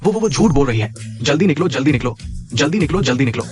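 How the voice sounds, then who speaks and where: A man's voice: medium pitch, very animated, quick pace, soft background music, lightly acted. A man voicing a cowardly old family patriarch in a drama dub, stammering and panicky. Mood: flustered.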